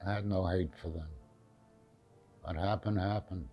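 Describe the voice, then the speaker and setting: A man's voice: sits low, fairly even intonation, a little slow, warm tone, faint music behind. An elderly man with a Yiddish accent reminisces in an interview in plain, short, often repeated phrases, dropping in Yiddish words. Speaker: Holocaust survivor giving testimony.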